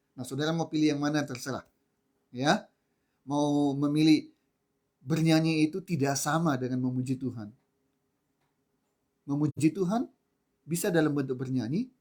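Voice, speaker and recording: Chatty, joking male pastor preaching. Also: a little high. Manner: conversational, joking, quizzes the congregation. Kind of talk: sermon. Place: church service, also streamed online.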